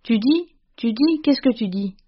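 A woman's voice: mid-range voice, fairly even intonation, normal speed, natural voice. A woman voicing a middle-aged, indulgent father in a storybook reading, with pleading, breaking outbursts, on a dull, lo-fi recording. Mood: stunned.

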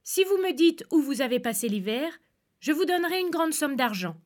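A woman reading a fairy tale aloud, voicing a scheming gentleman magician who coaxes and bribes. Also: high-pitched, sing-song, normal speed, voice pushed up. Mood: coaxing. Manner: coaxing, persuasive.

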